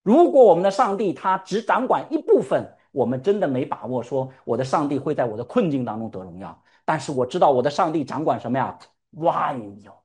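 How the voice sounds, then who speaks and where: A man's voice: fairly high pitch, sing-song, a little fast, darkish tone. A male pastor preaching a sermon. He fires rhetorical questions at the congregation and calls for amens. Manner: calls for "amen" responses.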